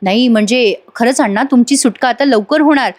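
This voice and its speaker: A woman's voice: a little high, brisk, a little mellow, lightly acted. An eager young man heaps praise on an older prisoner, read by a woman. The voice stays close to the reader's everyday tone. It comes from a retold soap serial. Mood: flattering. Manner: eager, ingratiating.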